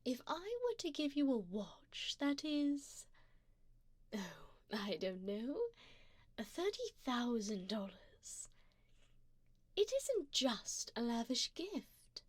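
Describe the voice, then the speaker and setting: In an intimate ASMR roleplay recorded close up on a binaural 3Dio mic, a woman plays a refined, wealthy vampire sugar mommy who dotes on and possessively owns the listener. Her fairly high, soft, breathy voice often drops to a whisper, swinging widely in pitch as she slowly delivers formal, coaxing, gently commanding lines. The sound is very dry, close to the ear, and heavily acted.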